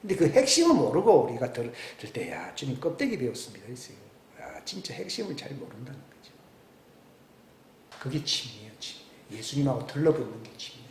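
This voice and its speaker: Male pastor, 60s; sermon delivery with loud questions and hushed asides, echoey sanctuary. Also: mid-range voice, sing-song, a little fast. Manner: swings between loud emphatic questions and hushed near-whispers. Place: church sanctuary. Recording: echoey church room with faint background hiss.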